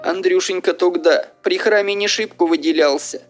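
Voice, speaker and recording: A man voicing a fretful, pious old village widow who laments in drawn-out, folksy sighs, with faint music behind. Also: high-pitched, voice pushed up, close to an everyday voice. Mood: reminiscing. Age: older.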